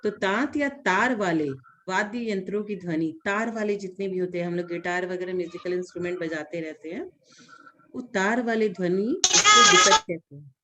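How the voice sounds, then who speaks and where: A woman's voice: on the low side, normal speed, background noise. A woman explaining a religious text to a small group, using everyday examples and asking her listeners questions. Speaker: religious teacher. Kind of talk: explaining a scripture lesson.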